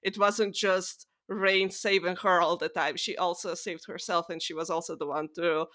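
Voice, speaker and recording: A woman co-hosts a podcast, chatting casually about books in an informal, sweary way packed with "like." Her voice sits on the low side, a bit bright, with fairly even intonation and a normal speaking speed.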